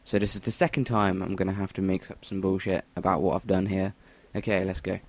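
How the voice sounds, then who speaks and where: English guy rambling over his gameplay, deep flat voice, swears a lot, cheap usb mic. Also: brisk, no echo. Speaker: gameplay commentator. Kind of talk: casual game commentary voice-over. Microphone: Rock Band USB mic.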